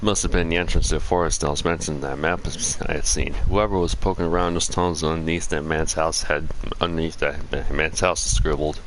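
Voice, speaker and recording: Casting: male game streamer, very low voice, halting read-aloud delivery mixed with casual commentary, some background noise. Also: fairly even intonation. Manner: halting, often repeats and rereads phrases. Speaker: video game live streamer. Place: at home. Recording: noisy home stream microphone.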